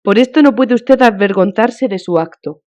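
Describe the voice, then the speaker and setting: A woman's voice: medium pitch, normal speed, darkish tone, close to an everyday voice. A woman reading as a fervent, devout countess. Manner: fervent, consoling, emotional. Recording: dull lo-fi audiobook recording.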